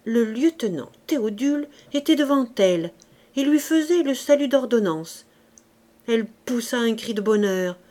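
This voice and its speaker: A woman's voice: a little high, lively intonation, normal speed, mellow. Woman reading a classic novel aloud. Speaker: audiobook reader. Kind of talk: literary audiobook narration.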